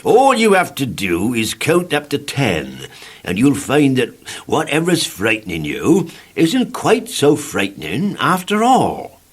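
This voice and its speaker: A man voicing a kindly tramp who speaks gently and soothingly. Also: mid-range voice, huge pitch swings, takes it slowly, breathy edge, pitched above the performer's own voice, heavily acted. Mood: gentle.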